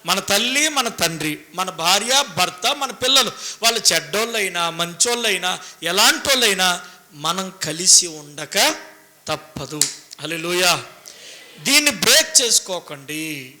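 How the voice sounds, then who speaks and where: A male preacher with a lilt delivers a sermon in a high, cutting, very bright voice. He hammers his points with repeated phrases. Then he drops into hushed asides before rising again. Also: expressive, a little slow. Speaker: pastor.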